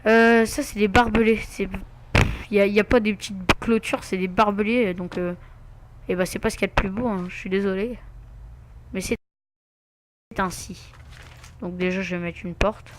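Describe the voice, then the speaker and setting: A man's voice: high voice, steady tone, moderate pace, pauses often, noisy background. A man giving casual gameplay commentary, muttering to himself with asides and mild swearing. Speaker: let's play gamer.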